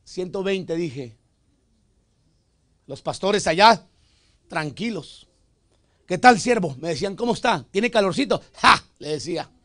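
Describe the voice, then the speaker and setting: High-pitched pastor guy preaching in church, gets loud then drops to quiet jokes, keeps saying brother to the crowd. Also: lively intonation, a little slow, pauses often, dry recording, studio quality. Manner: swings from loud preaching to quiet joking asides; calls out "hermano" to the congregation. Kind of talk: Spanish sermon. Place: church sanctuary.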